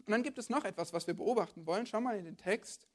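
A woman delivers a sermon in an easy, conversational tone, speaking straight to her listeners. She keeps posing questions back to them. Her voice sits at an ordinary middle pitch. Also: quick pace. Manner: conversational, addresses listeners directly with rhetorical questions. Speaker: preacher.

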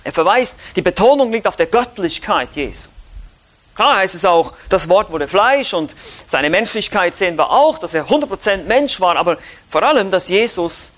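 A man preaching a Bible teaching with a Swiss German accent, speaking emphatically with rising stresses and low drops. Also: animated, normal speed, fairly bright tone. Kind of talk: sermon-style Bible teaching.

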